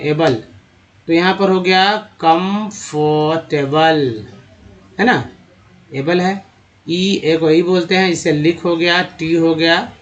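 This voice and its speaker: A man's voice: fairly high pitch, dull audio. Hindi-accented man sounding out English words. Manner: sounds out letter groups slowly, repeating words. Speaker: English reading teacher. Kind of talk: slide-based phonics lesson.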